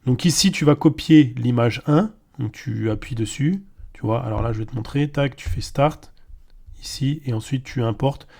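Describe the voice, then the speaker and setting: A man's voice: medium pitch, moderate pace, vocal fry, mellow. A man casually walking a viewer through an AI video tool, talking to them directly and informally, with frequent hesitations. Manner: casual, addresses viewer as tu, many fillers. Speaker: tutorial host. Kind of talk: screen-recorded software tutorial.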